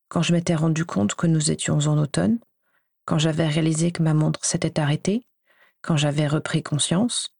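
A woman narrates a first-person story in a steady, even reading voice. Her voice is low and husky. The recording is dry and close, with no room sound. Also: no echo. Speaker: audiobook reader.

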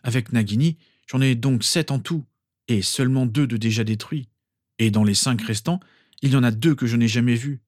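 A man's voice: mid-range voice, moderate pace, a little mellow, dry recording, clean studio sound, close to an everyday voice. A man voicing an earnest, worried teenage boy in a storybook reading, speaking sincerely.

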